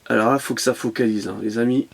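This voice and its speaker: A man's voice: medium pitch, fairly even intonation, fast talker, creaky, slightly rough. A man chatting enthusiastically as he shows off his toy car collection to camera, with lots of fillers and repeated words, recorded at home on a camera mic. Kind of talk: casual unboxing commentary.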